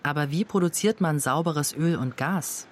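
A documentary narrator reading a scripted voice-over in a measured, matter-of-fact way. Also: mid-range voice, a little hiss or hum.

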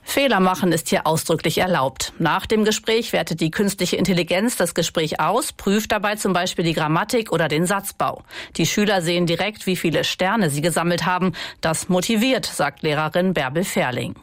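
A woman reporter reading a scripted news voice-over in a clear, measured way. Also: lowish voice, dry recording.

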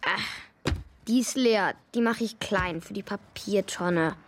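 A woman's voice: medium pitch, measured pace, background noise, lightly acted. An actress playing a practical, sceptical young boy in an audio drama, matter-of-fact with mild sarcasm. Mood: curious, practical. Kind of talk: German audio drama acting.

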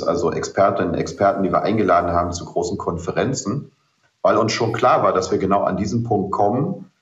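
Deep-voiced politician in a roomy space. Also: male voice, dull audio. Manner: earnest, explanatory, frequent ums and ahs. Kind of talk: interview answers.

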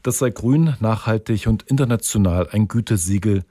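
A male reporter reads a scripted news piece in an even, steady manner. His voice is lowish and mellow. The booth sound is dry and close. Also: moderate pace, slightly rough, no echo. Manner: even, reading. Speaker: radio reporter.

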